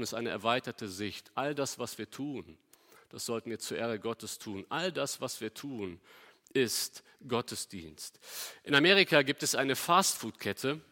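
A man's voice: medium pitch, bright, forceful tone, in a large hall. A man preaching a sermon in a conversational way, asking the congregation questions.

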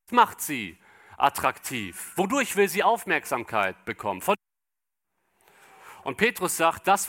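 Lively, bright-voiced male preacher. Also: medium pitch. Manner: addresses the congregation directly with rhetorical questions; reads scripture aloud slowly. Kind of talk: expository sermon.

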